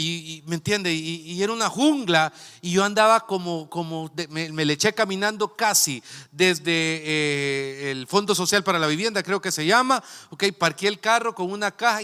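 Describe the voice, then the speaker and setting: A man's voice: sits high, sharp tone, clear, resonant tone. A middle-aged Salvadoran man preaching a sermon as pastor, in a folksy, conversational way full of asides and rhetorical questions, recorded in a church sanctuary. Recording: long reverb of a large church hall.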